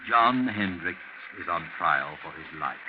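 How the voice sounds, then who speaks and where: A man playing a sinister, all-knowing mystery narrator in 1940s radio style, ominous and mocking, with theatrical pauses on an old recording. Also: sits low, animated, phone-quality sound, heavy background noise. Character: the Whistler, sinister all-knowing male narrator of night tales. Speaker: narrator host.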